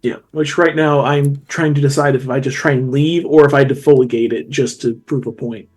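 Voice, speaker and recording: A man's voice: medium pitch, steady tone, moderate pace, a little mellow. A man chatting casually as a player in a tabletop role-playing game.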